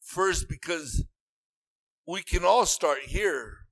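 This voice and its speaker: A man's voice: fairly high pitch, animated, takes it slowly, a bit bright, breathy edge, no echo. A man preaching a sermon in an earnest, repetitive way that rises into emphatic bursts.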